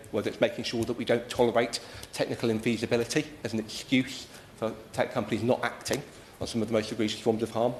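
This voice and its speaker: A British man giving an earnest, measured and wordy speech as a member of parliament in a formal debate. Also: medium pitch. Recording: echoey room, faint background noise.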